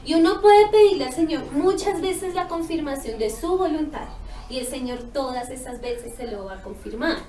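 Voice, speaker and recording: A woman's voice: high voice, normal speed. A woman giving a heartfelt personal testimony, telling her story earnestly and acting out the dialogue. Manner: earnest, emotional storytelling with lively quoted dialogue. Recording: echoey room, mic far off, faint noise.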